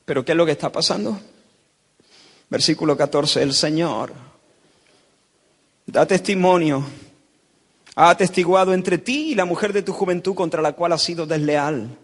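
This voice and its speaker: Casting: high-voiced male pastor from Spain, passionate sermon, booming hall reverb. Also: moderate pace, long pauses. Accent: Spain Spanish. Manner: impassioned preaching, swings from quiet to loud.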